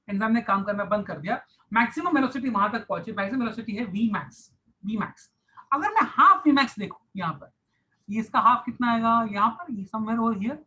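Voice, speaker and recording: Male science tutor, online lecture, bright and crisp tone, repetitive step-by-step explaining. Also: very high-pitched, poor audio. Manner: repeats key phrases, mixes English terms into Hindi. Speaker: science teacher.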